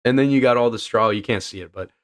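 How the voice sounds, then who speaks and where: A man's voice: medium pitch, fast. A young man reading a comic aloud in a casual, slangy way, reacting and laughing as he goes. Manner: laid-back, slangy, laughs at the story. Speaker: comic reader. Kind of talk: casual read-along with reactions.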